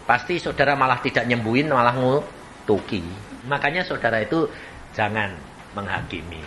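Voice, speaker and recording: A man preaching a sermon, telling stories with acted-out voices, shouts and laughter. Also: medium pitch, normal speed, slight background noise. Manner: animated storytelling, acts out voices, shouts and laughs.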